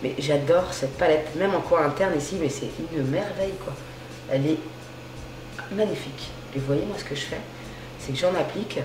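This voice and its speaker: A woman's voice: deep voice, moderate pace, background noise. A woman beauty vlogger chatting casually and gushingly through a makeup tutorial, full of slang. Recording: roomy echo.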